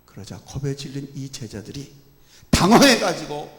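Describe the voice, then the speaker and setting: A man preaching a sermon as pastor, animated and bursting into loud emphasis, in a church sanctuary with an echoey hall sound. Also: fairly high pitch, normal speed. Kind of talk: expository sermon. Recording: echoey hall with long reverb.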